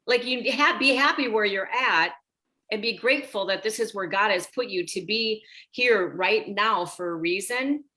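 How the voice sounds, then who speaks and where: Speaking at a moderate pace with a medium-pitched voice, this woman in her sixties coaches on women's health during a group video call. She's animated and speaks straight to the group, calling them "you guys."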